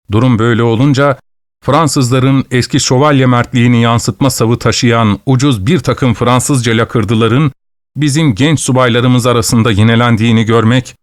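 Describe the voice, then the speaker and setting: A man reads a classic novel aloud as an audiobook narrator, measured and literary in his storytelling. His voice sits at a middling pitch. The sound is dry and close, with no room around it. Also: dry recording.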